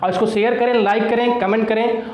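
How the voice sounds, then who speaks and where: A man with a high voice teaches an exam-prep class, calling his students children and repeating key words as he quizzes himself out loud. His voice rings around a bare, echoey room. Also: little pitch movement, a little fast. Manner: asks and answers his own questions, repeats key words.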